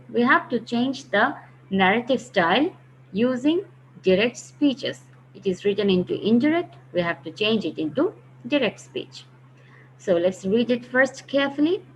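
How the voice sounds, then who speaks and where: A woman walks students through a grammar lesson, patiently explaining and going back over key phrases. Her voice sits fairly high. The recording is muffled and lo-fi, with a faint hiss underneath. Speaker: English grammar teacher.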